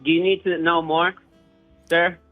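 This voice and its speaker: Over a tinny, phone-like line with faint guitar music in the background, a young man from Puerto Rico shares a personal story as an interviewee. He speaks a little high, flat and a bit slowly, stumbling through restarts and fillers.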